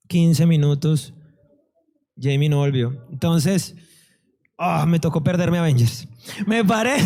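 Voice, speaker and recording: Animated man telling a story. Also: on the high side. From Colombia. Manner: animated storyteller, acts out dialogue. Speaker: testimony speaker. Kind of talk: church testimony, storytelling.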